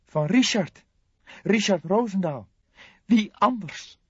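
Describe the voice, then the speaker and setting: A man reading an audiobook, voicing a wistful elderly woman in a raised falsetto. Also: normal speed, no room sound, dull audio, natural voice. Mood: indignant. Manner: raised falsetto, soft and mournful. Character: elderly woman, sister of a dead crook, wistful.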